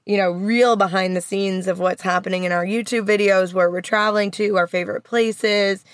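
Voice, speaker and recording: A woman chats casually as a podcast co-host in a small, dry space inside a van. Her pitch sits in the middle for a woman, and she talks in an everyday conversational way. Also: fairly even intonation, normal speed, no echo.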